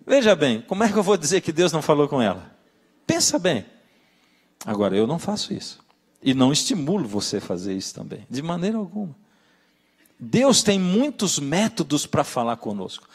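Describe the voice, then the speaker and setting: Man, pastor, sermon, lively intonation, rather high voice, church hall reverb. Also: a little fast, breathy edge. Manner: storytelling, animated, addresses listeners directly.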